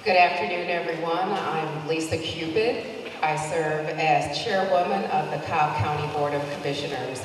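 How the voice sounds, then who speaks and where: Low-voiced new york lady on a panel, calm, echoey hall with noise. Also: normal speed. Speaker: county commission chair. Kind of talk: panel self-introduction. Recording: echoey hall, far from the mic.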